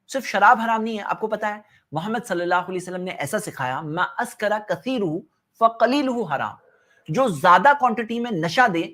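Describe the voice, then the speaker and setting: A man giving a religious lecture, asking rhetorical questions and mixing English words into his talk. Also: sits high. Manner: swings between loud emphasis and soft asides. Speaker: Islamic lecturer.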